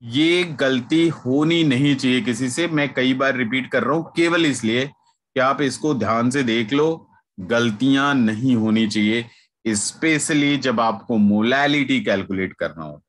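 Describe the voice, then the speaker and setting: Slow-talking man teaching chemistry online. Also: mid-range voice, a bit bright. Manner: patient, repeats key points slowly to students; mixes Hindi with English terms. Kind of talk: online class lecture.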